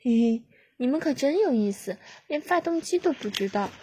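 A woman's voice: high voice, expressive, normal speed, noisy background. A woman voicing a proud little green alien chick. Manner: cheerful, a bit boastful, explains things. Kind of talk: storybook reading.

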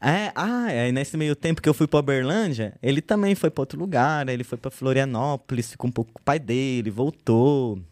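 A man's voice: mid-range voice, fairly quick, few pauses, no room sound. Man, thirties, guest on a podcast, casual slangy storyteller, dry close sound. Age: 30s. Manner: relaxed slangy storytelling with lively quoted speech. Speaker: guest artist.

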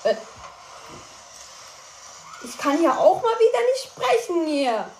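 In a noisy, echoey room, a young gameplay commentator talks casually and playfully, tripping over her words a lot. Her voice sits high and is very animated, delivered at a slow pace.

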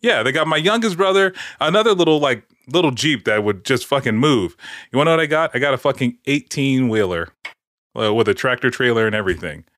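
Animated, swearing podcast host man. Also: mid-range voice, quick pace, no echo, clean studio sound. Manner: rambling, animated storytelling with frequent swearing. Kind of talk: casual, profane podcast banter.

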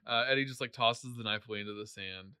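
Male co-host, casual chat, bright tone, dry close sound, loose rambling delivery. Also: medium pitch, fast, clean tone, no echo. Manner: rambling, many fillers and restarts. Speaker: podcast co-host discussing a novel.

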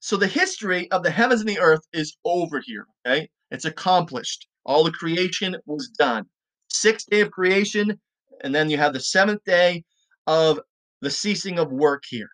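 A man teaching the Bible on a podcast, reading verses slowly and deliberately, then explaining them in a conversational way, often checking in with "okay?". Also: fairly high pitch, lively intonation, a bit bright.

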